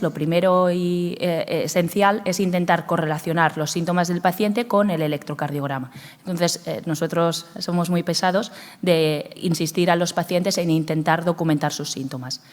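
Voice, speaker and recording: A woman with a Spanish accent and a cold, giving a hesitant medical conference talk with many fillers. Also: low voice. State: has a cold. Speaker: cardiologist speaker. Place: conference hall. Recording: long hall reverb.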